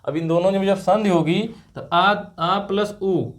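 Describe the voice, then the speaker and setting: A man's voice: high-pitched, measured pace. A man teaching Hindi grammar in class, asking questions and checking understanding with short "right?" prompts after each point. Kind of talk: classroom lesson with call-and-response.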